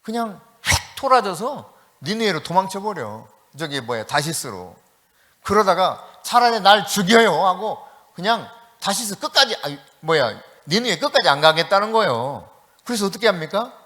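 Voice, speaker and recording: A man preaching a sermon as pastor, telling a story in a lively way and acting out the quoted voices. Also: sits high, moderate pace, big-room sound. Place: church sanctuary.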